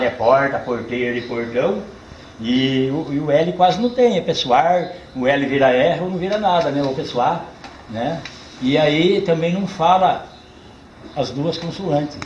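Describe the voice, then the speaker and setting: An older Brazilian man, a cordel poet with a caipira accent from the São Paulo countryside, chats casually with a tour group, folksy and animated, stretching words out for emphasis. His voice sits in the mid range. The recording is roomy and muffled, with slight background noise.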